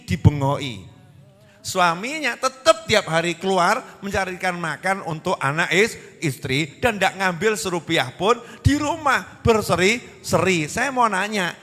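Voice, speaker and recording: Lively Javanese-accented man preaching. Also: a little high, long reverb tail. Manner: lively, animated, asks the audience questions. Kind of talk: sermon.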